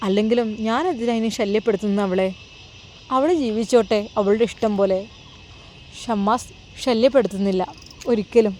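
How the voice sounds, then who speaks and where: A woman's voice: medium pitch, normal speed, long pauses, dark tone, slight background noise, lightly acted. A woman voicing a hurt young man who muses in a brooding, resigned way.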